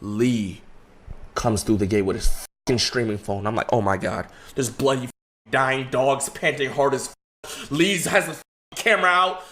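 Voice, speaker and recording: A man's voice: mid-range voice, moderate pace, a bit bright. A man telling a story in an emotional, casual way, stammering, repeating words and swearing.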